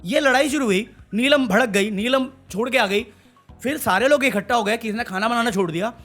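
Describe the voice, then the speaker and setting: High-voiced man ranting about a reality show. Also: a little fast, faint music behind. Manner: animated, mocking, switches to English phrases. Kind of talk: heated casual commentary.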